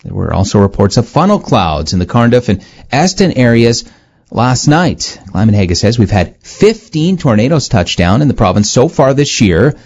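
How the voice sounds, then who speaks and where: A man's voice: mid-range voice, slightly rough. Man reading news on a tinny clock radio. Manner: brisk, lively headline delivery. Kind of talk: newscast reading. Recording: lo-fi, dull radio broadcast sound.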